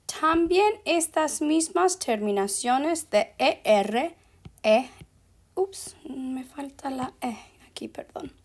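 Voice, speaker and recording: This woman teaches Spanish, walking through verb endings very slowly and with care. Her voice is a little high for a woman and expressive, and she drops in English fillers like "so" and "ok."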